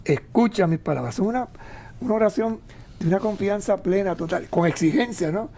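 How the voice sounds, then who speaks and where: A man's voice: high voice, fairly quick, dark tone. A man co-hosting a radio talk, reading Bible verses aloud and commenting on them with emphatic repetition. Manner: emphatic, repeats phrases, reads verses aloud. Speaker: radio co-host leading prayerful Bible reading. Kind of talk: reflective radio talk on scripture.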